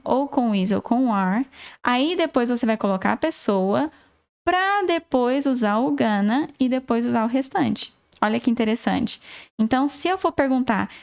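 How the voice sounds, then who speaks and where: A woman's voice: a little high, darkish tone. Brazilian woman patiently teaching English. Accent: Brazilian Portuguese. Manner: patient, explains step by step, slows for English examples. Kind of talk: casual online language lesson.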